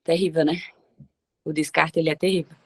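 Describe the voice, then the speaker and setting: A woman's voice: low voice, steady tone, brisk, darkish tone. A woman guest sharing a personal story with emphatic, religious phrasing. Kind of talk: personal testimony in conversation.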